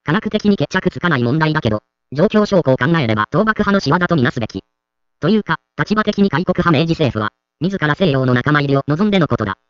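A man reading a string of short online comments aloud, one after another, in an even, quick delivery. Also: on the high side, smooth, no room sound, highs cut off.

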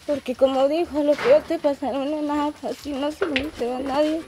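Outdoors in a rural dirt yard, a young woman who received a donation gives an emotional testimony, thanking God and describing her hardship. Her voice is high and steady, her delivery brisk, earnest and tearful, with background noise behind her.

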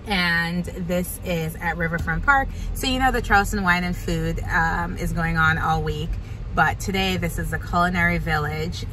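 A woman's voice: lowish voice, pushed and bright, a little hiss or hum. A woman talking casually and cheerfully to her camera while walking through an outdoor festival. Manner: upbeat, chatty, walking and talking. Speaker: vlogger. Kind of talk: casual vlog narration. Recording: music playing in background.

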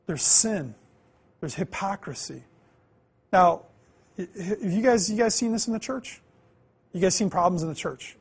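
A man in his thirties teaching a Bible class in a classroom, earnest, asking the students questions and swinging between loud emphasis and quiet asides. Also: high-pitched, animated, unhurried, creaky, pauses often, breathy edge. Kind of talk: classroom lecture. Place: classroom, indoors.

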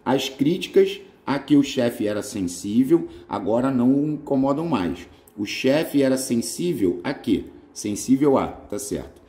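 A Brazilian man with a Brazilian Portuguese accent runs through quiz answers for exam prep. His pitch swings widely from line to line, and his tone stays dark and mellow. He keeps tagging his points with "né?" and "tá?". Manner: animated, often checks in with "né?" and "tá?". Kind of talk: lively grammar quiz walkthrough.

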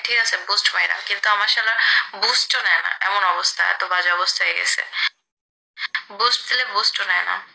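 Tired woman chatting softly on a live stream. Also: medium pitch, vocal fry, poor audio. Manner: slow, soft-spoken. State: unwell and tired. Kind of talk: casual live-stream chat.

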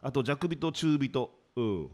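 A man in his forties rambles through a comedy radio monologue, sardonic and self-mocking. His pitch leaps and dips all over as he grumbles and jokes. He talks into a studio microphone. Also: animated, unhurried, darkish tone. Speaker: radio show host.

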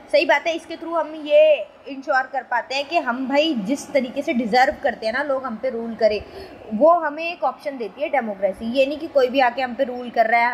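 A young woman teaching a school civics lesson in a casual, conversational way, often asking rhetorical questions and reading quotes slowly. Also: fairly high pitch, slight background noise, low-quality recording. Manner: reads English quotes slowly.

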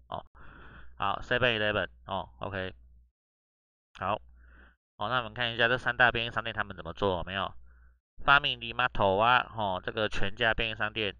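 A man from Taiwan with a Taiwanese Mandarin accent gives a casual Japanese lesson in a lowish, bright voice. His voice is smooth and clear, in a dry, close recording. He reads Japanese lines aloud, then explains them with constant "oh" and "ha" fillers. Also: no room sound, dull audio. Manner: chatty, drops "oh" and "ha" between nearly every phrase. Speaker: Japanese language teacher. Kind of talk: casual online lesson reading through a news text.

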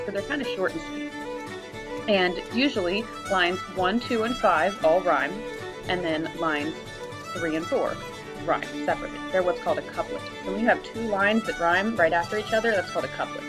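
Woman teacher, casual lesson, chatty, fiddle music in background. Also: fairly low pitch. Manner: chatty and informal, with many ums and likes. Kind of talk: casual online poetry lesson.

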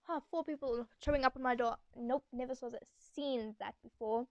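A young girl, the video's host, rambles casually through her game commentary while nursing a sore throat. Her fairly high voice runs at normal speed with a darkish tone, and the lo-fi recording has no echo even though she's in an echoey room at home.

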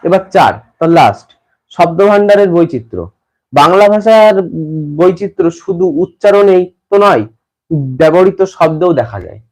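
A man's voice: sits high, lively intonation, moderate pace, darkish tone, rough recording. A man from West Bengal teaching an exam-prep lesson to students. He often repeats phrases and restarts as he explains.

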